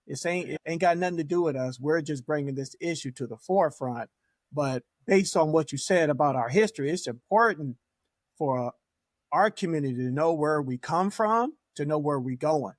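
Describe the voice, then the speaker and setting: Easygoing podcast guy, kinda high voice, preachy, dry close sound. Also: normal speed, no room sound. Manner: laid-back, preachy call to self-reflection. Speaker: podcast co-host. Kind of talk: casual talk-show conversation.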